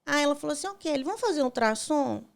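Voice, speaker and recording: A tearful woman with a high voice and a gravelly edge tells a painful personal story. She acts out each exchange in quoted dialogue, and at times her voice drops to near a whisper. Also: animated, very fast. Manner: retells scenes with quoted dialogue, voice breaking softly. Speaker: podcast guest.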